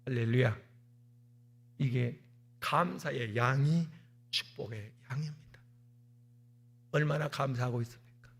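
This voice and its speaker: A man, the senior pastor, preaching an animated sermon in a church, repeating key words and acting out stories. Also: medium pitch, unhurried, vocal fry, pauses often, breathy edge. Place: church sanctuary.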